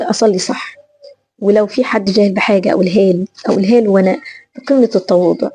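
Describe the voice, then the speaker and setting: Egyptian woman giving a religion lesson, talks fast, kinda husky, repeats stuff for emphasis. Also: mid-range voice, no room sound. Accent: Egyptian Arabic. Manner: lively, conversational, repeats phrases for emphasis. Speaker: religious teacher.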